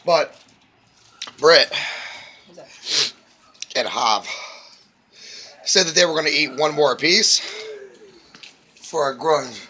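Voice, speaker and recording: A man's voice: on the high side, animated, slow pace, long pauses, bright, forceful tone. Man with mouth burning from spicy food. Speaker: host of a pepper challenge video. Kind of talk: casual talk to camera. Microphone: handheld phone. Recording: very noisy handheld phone recording.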